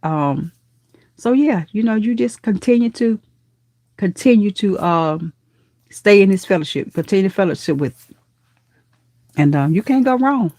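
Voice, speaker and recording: A woman's voice: medium pitch, expressive, unhurried, long pauses, dry recording, studio quality. Churchy auntie woman on a live stream. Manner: warm affectionate auntie talk, calls viewers baby and honey; churchy, speaks of God and blessings. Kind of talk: casual live chat reading comments.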